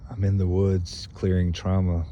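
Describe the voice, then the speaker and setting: A man with a very low, mellow voice speaks slowly and earnestly, delivering a spiritual message to followers. He pauses often and keeps clearing his throat. A faint hum sits behind him. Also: monotone, muffled recording. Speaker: spiritual channeler.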